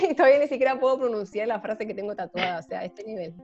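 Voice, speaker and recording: A woman's voice: on the high side, lively intonation, quick pace, a little mellow. A Chilean woman with a Chilean accent chatting casually with friends, talkative and self-deprecating with lots of fillers. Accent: Chilean Spanish. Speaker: band member introducing herself. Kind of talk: casual group chat. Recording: slightly muffled, faint guitar music behind.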